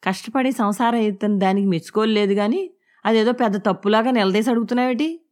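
A woman reading an audio novel voices a crude, mocking, domineering husband who scolds in a loud, raised voice. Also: mid-range voice, fast talker, pitched above the performer's own voice, natural voice. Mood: scornful, bullying.

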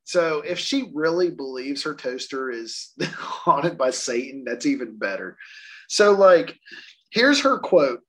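Guy on a podcast, super animated voice, takes his time, giggly and excitable. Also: mid-range voice, takes it slowly, husky. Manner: excitable, laughs often, swears casually. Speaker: podcast co-host. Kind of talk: casual storytelling chat.

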